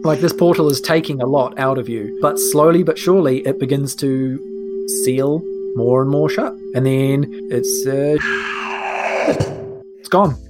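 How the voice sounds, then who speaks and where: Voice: mid-range voice, fairly even intonation, moderate pace, loud music behind the voice. Tabletop game master, casual narration, rules explanations.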